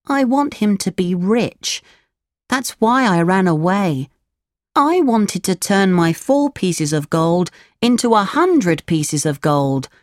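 Woman playing a naughty wooden puppet boy, storybook voice, high and pleading, dry close sound. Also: sing-song, slow pace, no room sound. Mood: earnest.

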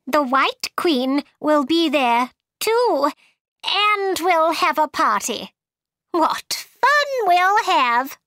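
A woman's voice: high-pitched, big pitch swings, extremely slow, pushed and bright, no echo, studio quality, pitched above the performer's own voice, full character voice. A woman reading a storybook aloud, voicing a bossy, commanding queen who urges and instructs. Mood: instructive. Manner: imperious, urging, instructive.

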